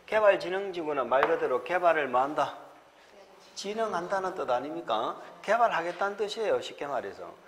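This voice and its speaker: A man's voice: on the high side, very animated, a little fast, long reverb tail. A man with a Gyeongsang accent giving an exam-prep lecture, drilling mnemonics and chuckling often.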